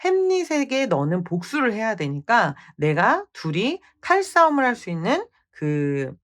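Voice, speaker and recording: A woman voicing a scheming usurper king who smoothly talks others into murder, in a retold classic play. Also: fairly high pitch, huge pitch swings, measured pace, fairly bright tone, voice pushed up, full character voice.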